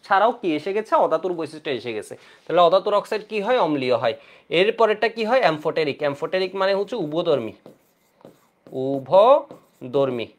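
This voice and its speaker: Fast-talking, high-voiced male chemistry tutor. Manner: repeats key points over and over, drilling students. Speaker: chemistry teacher. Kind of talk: online exam-prep lecture.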